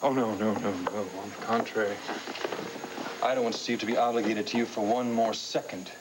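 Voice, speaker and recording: A man's voice: on the low side, fairly even intonation, normal speed, background noise, lightly acted. An actor playing a scornful, self-assured man in a television soap opera, with a sarcastic, cutting, emphatic delivery. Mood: cold, firm. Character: scornful, self-assured man berating his former lover.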